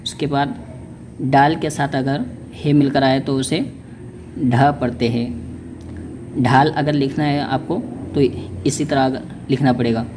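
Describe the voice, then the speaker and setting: A man teaching how to read Urdu letters, sounding out each one slowly and patiently, often checking in with "okay". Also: mid-range voice, background noise. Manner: repeats "ठीक है" to check understanding. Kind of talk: spoken lesson on reading Urdu letters.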